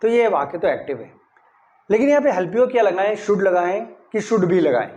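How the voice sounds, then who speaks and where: A man gives a step-by-step grammar lesson, checking in with his students as he goes. His voice sits high, and the recording is somewhat dull and lo-fi. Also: sing-song, brisk, darkish tone. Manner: explains step by step, often asks "clear?"; stresses key words when saying model sentences. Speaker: English grammar teacher. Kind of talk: classroom-style grammar lesson.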